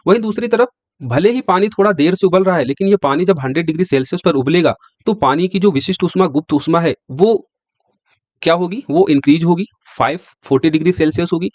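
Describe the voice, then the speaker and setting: A man's voice: a little high, fast talker, a little mellow, dry recording. A male teacher giving an exam-prep science lecture who keeps asking the class questions and answering them himself. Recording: dry, slightly dull lo-fi sound.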